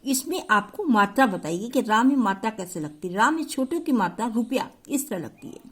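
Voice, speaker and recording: A woman's voice: mid-range voice, slightly rough. A woman teacher explaining a school grammar lesson step by step to her pupils.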